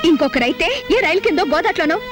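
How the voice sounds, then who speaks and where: An actress playing a sharp-tongued young unmarried woman who scolds bluntly in a film scene. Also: very high voice, expressive, fast talker. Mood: scolding. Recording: film soundtrack with loud music.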